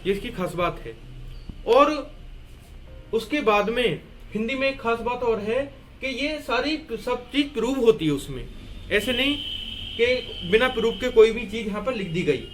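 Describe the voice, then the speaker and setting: High-voiced man teaching Hindi grammar. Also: lively intonation, measured pace, fairly bright tone, slight background noise. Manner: asks and answers his own questions, repeating key words; writes and erases on a board while explaining. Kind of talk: classroom-style grammar lesson at a board.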